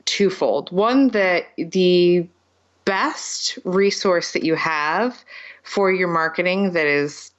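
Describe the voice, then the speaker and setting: Woman podcast guest, relaxed storyteller, lowish voice, dull lo-fi audio. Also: slow. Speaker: podcast guest, marketing strategist. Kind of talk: casual interview conversation.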